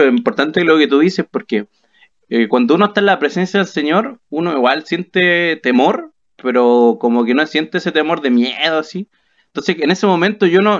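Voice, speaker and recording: A young man with a Chilean accent, a podcast co-host animatedly telling a personal story and acting out the quotes. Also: on the high side. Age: young adult. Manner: animated, laughs often, acts out quotes. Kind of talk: casual storytelling. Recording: slightly dull lo-fi audio.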